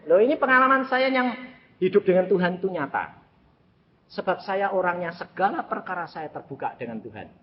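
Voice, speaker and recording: A man preaching a sermon, telling stories and swinging between shouts and hushed asides. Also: high voice, animated, fairly quick. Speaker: evangelist preacher. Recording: echoey hall, slightly dull, faint noise.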